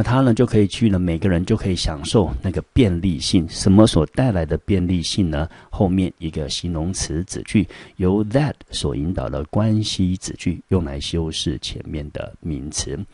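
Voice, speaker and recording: A man from Taiwan with a Taiwanese Mandarin accent, teaching English vocabulary and grammar in a recorded lesson. He leans on "好" and "呢" as fillers and spells words slowly, syllable by syllable. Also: mellow, no room sound. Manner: frequent fillers "好" and "呢", rising pitch on prompts, slow syllable-by-syllable spelling. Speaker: high school English teacher.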